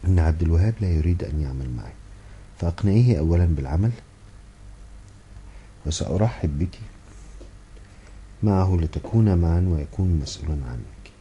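A man voicing a calm, stern old father with a very deep voice. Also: lo-fi sound, a little hiss or hum. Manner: calm, measured, gently refusing. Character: elderly stern traditional father, calm and firm.

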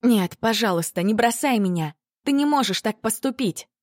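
A woman's voice: on the high side, lively intonation, moderate pace, no room sound, clean studio sound. A woman voicing a frightened, lonely young girl in an audiobook, speaking in a pleading, tearful way. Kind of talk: audiobook character reading.

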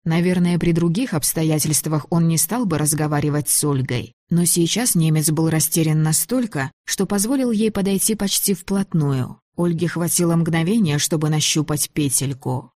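Low-voiced woman reading an audiobook. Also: no echo, clean studio sound. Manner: measured, even reading. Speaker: audiobook narrator. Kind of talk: audiobook narration.

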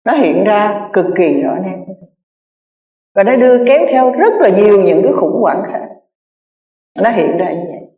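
Buddhist nun preaching in an echoey hall. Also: female voice, mid-range voice, animated, normal speed, pauses often, dark tone. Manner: earnest, repeats key phrases for emphasis, addresses listeners directly. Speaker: Buddhist nun giving a dharma talk. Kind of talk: sermon.

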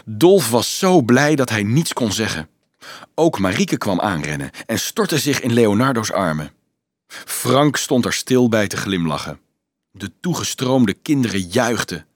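A man's voice: fairly low pitch, sing-song, a little slow, no echo. Man narrating a storybook, dry sound. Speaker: audiobook narrator. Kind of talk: scripted narration.

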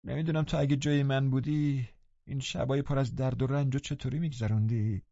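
A man voicing a sickly, self-pitying teenage boy who whines and complains softly. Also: mid-range voice, steady tone, dry recording, highs cut off, pitched above the performer's own voice, close to an everyday voice. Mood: whining. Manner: whiny, complaining, soft.

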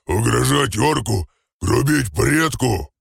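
A man voicing a huge brutish male orc who speaks slowly in broken grammar, in an audiobook. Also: medium pitch, animated, no echo, studio quality, voice pushed up, exaggerated voice. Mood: menacing. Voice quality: gravelly, husky, broken grammar.

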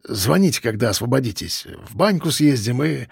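A male narrator voicing a timid, fawning middle-aged official who speaks nervously and slowly. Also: medium pitch, animated, vocal fry, a little mellow, husky, no room sound, clean studio sound, heavily acted. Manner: nervous, ingratiating, slow.

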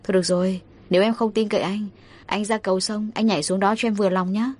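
A woman's voice: mid-range voice, fairly even intonation, quick pace, darkish tone, natural voice. A woman voicing a deceitful stepfather who talks in a coaxing, defensive way. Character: smooth-talking deceitful stepfather, man.

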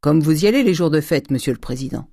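A stingy old cooper with blunt, folksy jokes, put on by an audiobook reader. His voice sits on a dark, mellow tone and often jumps up high when he calls out. It is read in a dry, close room. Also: expressive, fast talker, dry recording. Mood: gruff banter. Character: miserly old man, former cooper, jovial.

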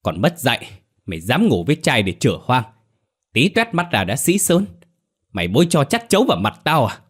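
A man's voice: huge pitch swings, fairly quick, slightly rough. A man voicing a furious older village mother who shrieks abuse at her daughter. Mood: raging. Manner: shrill, scolding, abusive.

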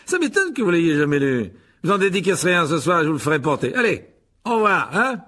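Storybook vain wizard, high-pitched and grand, lively swoops, read by a man. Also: fast talker, exaggerated voice. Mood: pompous. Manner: pompous, showy, loud. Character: vain, boastful adult wizard teacher.

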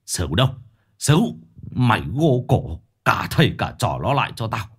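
A man's voice: lowish voice, very animated, normal speed. A man voicing an arrogant, hot-tempered middle-aged village chief in a ghost story, barking orders and sneering. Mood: furious, scornful. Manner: shouting, scornful and bullying.

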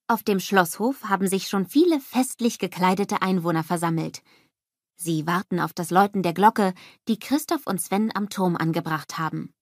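Expressive woman narrating a storybook. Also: mid-range voice, dry recording, studio quality. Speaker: audiobook narrator. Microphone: close studio mic.

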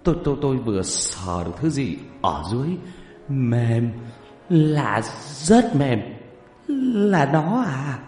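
A man's voice: mid-range voice, big pitch swings, normal speed, darkish tone, faint music behind, pitched above the performer's own voice, natural voice. A man voicing a cowardly, panicky plump young man who stammers and whines shrilly in an audiobook story. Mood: frightened. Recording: roomy reverberant recording.

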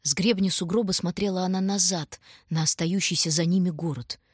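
A woman reading a story aloud in scripted, measured and dramatic narration. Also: on the low side, fairly even intonation, breathy edge, no room sound, clean studio sound. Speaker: audiobook reader.

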